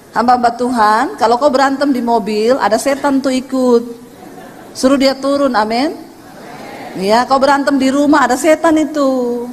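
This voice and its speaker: A middle-aged woman pastor giving a lively, chatty sermon, acting out the voices in her stories. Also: high-pitched, slight background noise. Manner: animated storytelling, acts out voices of others; colloquial, chatty preaching with Javanese-flavored particles. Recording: long hall reverb.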